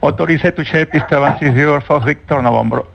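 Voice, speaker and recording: A man's voice: a little high, moderate pace, creaky, highs cut off. A man piloting an aircraft, giving brief procedural readbacks over the radio. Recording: noisy cockpit radio transmission.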